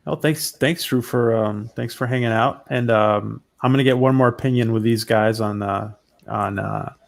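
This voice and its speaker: A man's voice: medium pitch, fairly even intonation, normal speed, vocal fry. A man hosting an online chat show casually.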